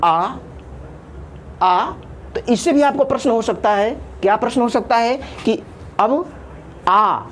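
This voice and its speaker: Female Sanskrit grammar teacher, high and animated, explains patiently with lots of repetition. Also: takes it slowly, long pauses, slight background noise. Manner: patient, repeats terms in Sanskrit then Hindi, draws out vowel sounds. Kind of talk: classroom lesson explaining at a board.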